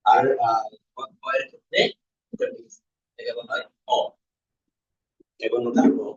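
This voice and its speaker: A man's voice: mid-range voice, wildly swooping pitch. A male language teacher leading a class, explaining vowel shapes step by step, repeating each sound and quizzing his students. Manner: asks students questions, repeats sounds slowly. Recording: dull lo-fi classroom recording.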